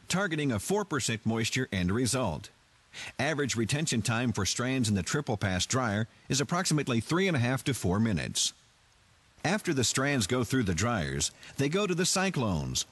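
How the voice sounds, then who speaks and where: A man reading a scripted industrial plant tour as narrator, in a measured, explanatory way. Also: medium pitch, a bit bright, slightly rough.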